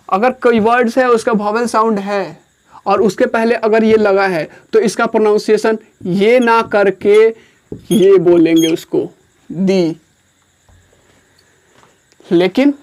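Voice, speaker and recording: A man's voice: high voice, darkish tone. Indian man teaching a grammar class. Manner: explains slowly, repeats phrases, dictates words one at a time.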